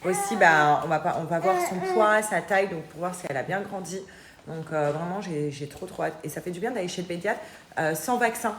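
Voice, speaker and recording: A woman's voice: on the low side, fairly quick, reverberant. Young woman, casual vlogger mom, fillers, noisy ambience. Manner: chatty, with frequent fillers, coos to her baby. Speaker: vlogger and mother. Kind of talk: casual vlog chat.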